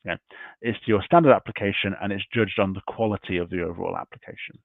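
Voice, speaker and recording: Speaking fast in a low, creaky voice, this man walks through slides on university admissions one point at a time during an online session, and he is losing his voice. There is no room sound, and the call audio comes across tinny and dry.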